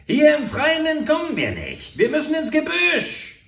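A man's voice: very high voice, huge pitch swings, unhurried, creaky, fairly bright tone, pitched above the performer's own voice, full character voice. A man doing a shrieking, desperate villain. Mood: desperate, snarling. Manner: shrieking, gritted panic. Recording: roomy, far from the mic.

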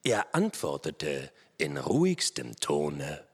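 A man reading an adventure story aloud as the narrator, expressive and storytelling. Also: a bass voice, slow, breathy edge. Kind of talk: audiobook narration. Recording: long hall reverb.

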